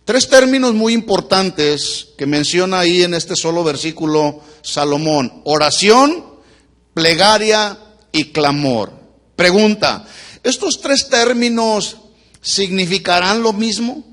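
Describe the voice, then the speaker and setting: A man's voice: sits high, lively intonation, slow, a bit bright. A male pastor preaching a sermon to a congregation, teaching and quizzing them with questions. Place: church before a congregation.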